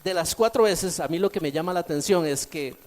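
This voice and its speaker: Emphatic male preacher, fairly high voice. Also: fairly quick. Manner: dynamic preaching, swinging between emphatic and soft; repeats key phrases for emphasis. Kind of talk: sermon.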